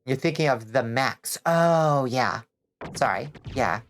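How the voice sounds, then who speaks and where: A woman chats with her stream while gaming, her voice sitting extremely low in pitch. She sounds nasal and congested from a stuffy nose. She rambles loosely, reacts to chat and swears casually. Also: lively intonation, slow pace, slight background noise. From Georgia, US. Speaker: vtuber streamer.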